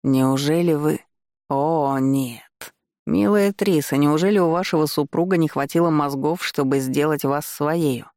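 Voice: medium pitch, a little slow, a little mellow, dry recording, clean studio sound, close to an everyday voice. Самоуверенный дерзкий лэрд в исполнении чтеца дразнит собеседницу неторопливо и вкрадчиво. Звук сухой, близкий. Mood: дразнящий. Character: насмешливый обаятельный молодой лэрд-мерзавец. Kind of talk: чтение аудиокниги по ролям.

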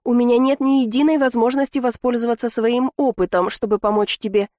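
A woman voicing a proper, restrained young count who keeps groaning and pleading with exasperation, read close and dry in an audiobook. The voice stays near the reader's own middle register, with drawn-out, slowed phrasing. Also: a little high, steady tone, mellow, dry recording, pitched above the performer's own voice, lightly acted. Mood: exasperated. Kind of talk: audiobook character reading.

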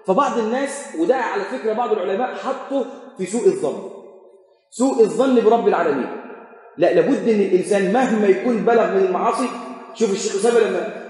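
A man with an Egyptian Arabic accent preaching a sermon, telling stories and acting out the exchanges, swinging between loud and hushed. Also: sits high. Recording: echoey hall.

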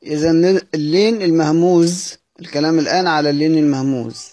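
A man teaching a live online lesson on Quran recitation. He explains step by step, asks questions and answers them himself, and chants verse lines slowly. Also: on the high side, warm tone.

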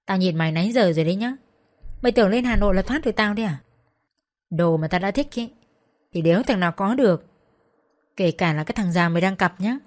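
A woman's voice: mid-range voice, expressive, quick pace, pauses often, lightly acted. A woman voicing a crude, violent young man, an ex-husband who swears and threatens as he talks. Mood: taunting.

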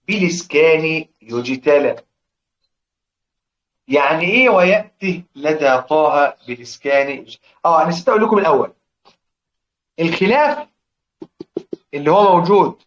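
A man with an Egyptian accent teaching a lesson on Quran recitation. He keeps asking his students questions, answers them himself, and chants quoted verses slowly. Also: a little high. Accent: Egyptian Arabic. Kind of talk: religious lesson explaining verse. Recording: echoey room, dull lo-fi sound.

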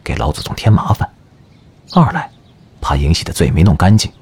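A man narrating an audio drama in an expressive storytelling manner. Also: low voice, a little fast, breathy edge.

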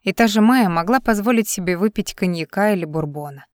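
A woman narrating a novel as an audiobook in an even, measured way. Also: mid-range voice, no echo, studio quality. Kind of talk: scripted narration.

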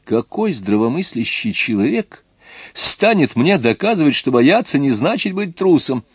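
A man's voice: medium pitch, very animated, moderate pace, slightly rough, no room sound, clean studio sound, voice pushed up. A man reading the part of a hot-tempered, scornful young nobleman in an audiobook. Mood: impatient.

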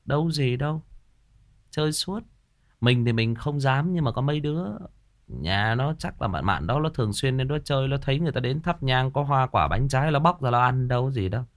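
A man's voice: mid-range voice, a little fast. A man, hosting a livestream, chatting casually with viewers and telling childhood stories. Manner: animated, chatty, addresses viewers and answers comments. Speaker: livestream host.

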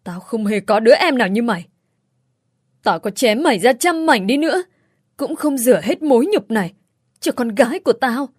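A woman's voice: a little high, animated, moderate pace, darkish tone, breathy edge, no room sound. Woman playing a contemptuous older sister, cursing, dry close sound. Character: scornful angry older sister.

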